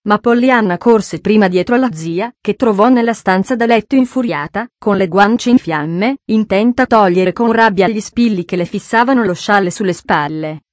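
A woman narrating an audiobook in a measured, expressive storytelling voice. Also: medium pitch, no echo.

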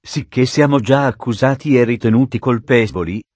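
A man's voice: mid-range voice, normal speed, darkish tone, no room sound, lightly acted. A man voicing a defiant older nobleman, speaking with vehemence in a dry recording.

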